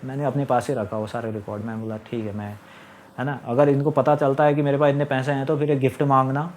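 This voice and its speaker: A man's voice: mid-range voice, darkish tone, slight background noise. A young man telling his own story in a casual, aggrieved monologue to camera, often quoting others. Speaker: vlogger.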